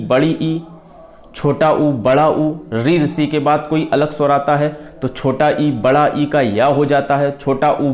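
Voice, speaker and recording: A man's voice: a little high, a little mellow. Man teaching, asking and answering himself. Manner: repetitive, asks and answers his own questions, stretches out vowel sounds. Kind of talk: classroom grammar lesson.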